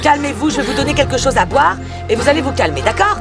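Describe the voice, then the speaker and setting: An actress playing a mother who coaxes and calms her frightened daughters, in a French-dubbed telenovela. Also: high voice, fast talker, loud music behind the voice. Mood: soothing. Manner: soothing, coaxing.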